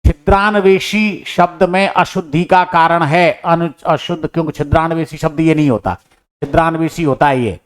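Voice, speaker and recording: A man's voice: on the high side, steady tone, moderate pace. A man explaining exam answers step by step. He asks questions and answers them himself, and he calls his students brother. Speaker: teacher solving an exam paper. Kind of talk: exam answer-key lesson.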